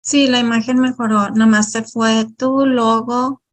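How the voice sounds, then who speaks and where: A woman with a fairly high voice speaks over a video call as the moderator of an online session. She keeps her replies short and helpful, mostly technical remarks. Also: fairly even intonation, unhurried.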